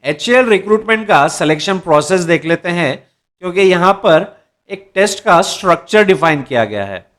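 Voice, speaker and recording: A man with a high-sitting, slightly bright, expressive voice presents a job recruitment update at normal speed, speaking directly to viewers. It's an explainer where he reads job details aloud, sometimes restarting.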